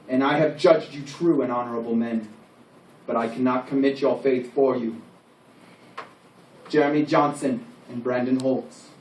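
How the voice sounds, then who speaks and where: A man's voice: medium pitch, darkish tone, natural voice. A man playing a solemn, proud medieval king, giving a formal, declamatory ceremonial speech. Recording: roomy, distant microphone, faint background noise.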